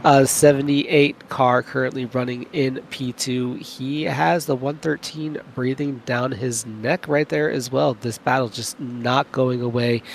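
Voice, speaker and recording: A male race commentator calling a long sim race live, enthusiastic and a little sleepy, who often repeats words when excited. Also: mid-range voice, a little hiss or hum. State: sleepy late in a long broadcast.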